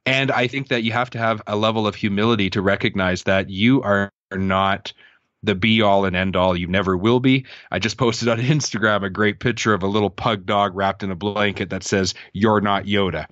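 A man's voice: lowish voice, steady tone, moderate pace, fairly bright tone, dry recording, lo-fi sound. Earnest, reflective man in his thirties. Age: 30s. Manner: earnest, reflective, with frequent restarts. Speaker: podcast guest. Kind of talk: interview answers.

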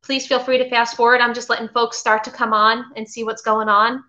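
Speaking briskly in a level, sharp voice on the high side, a middle-aged Florida woman rambles through a casual kitchen live stream, reading viewer comments as a vintage seller showing a haul. The sound comes from a desk webcam, slightly dull and lo-fi.

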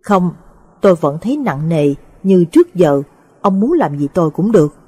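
A woman voicing a vengeful but remorseful young male ghost, speaking flatly and heavily. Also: fairly low pitch, moderate pace, slightly rough. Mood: heavy.

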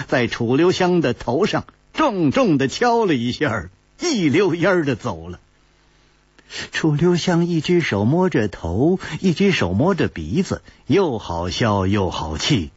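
Lively, slow-paced male storyteller. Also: on the high side, slightly rough, no room sound, lo-fi sound. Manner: lively, animated, laughing at his own lines. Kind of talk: pingshu-style storytelling.

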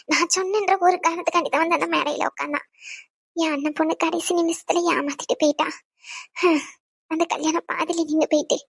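A woman's voice: very high voice, no room sound, studio quality. A woman voicing a stern but caring older mother in a cartoon who lectures and scolds her family. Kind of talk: cartoon voice acting.

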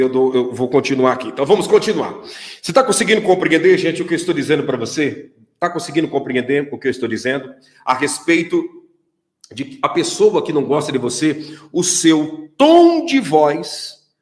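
Emphatic Brazilian pastor, roomy sound. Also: male voice, fairly high pitch. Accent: Brazilian Portuguese. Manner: emphatic, repeats lines and fires questions at viewers. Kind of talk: livestreamed sermon.

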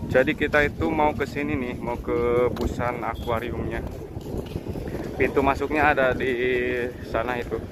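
Strolling outdoors by the sea with a handheld phone, a man from Indonesia leads his viewers on a casual vlog walk. He talks at a moderate pace in a medium-pitched, fairly even voice, and the recording is very noisy.

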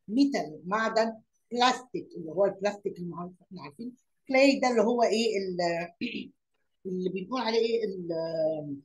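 Poor audio captures a medium-pitched woman with an Egyptian Arabic accent teaching young pupils. She asks questions aloud and repeats words. Her Arabic explanations are mixed with English lesson words.

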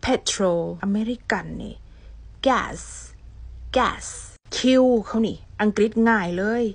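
A woman's voice: medium pitch, unhurried, a little mellow, breathy edge, no room sound. A Thai woman with a Northeastern Isan accent teaching English vocabulary in a casual, chatty way, saying each English word twice.

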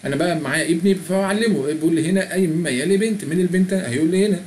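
Man, Egyptian Arabic accent, middle-aged, rapid-fire, slightly high voice, faint room hum. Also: darkish tone. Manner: chatty, reads app prompts aloud and explains. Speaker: tutorial presenter. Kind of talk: screen-recorded app walkthrough.

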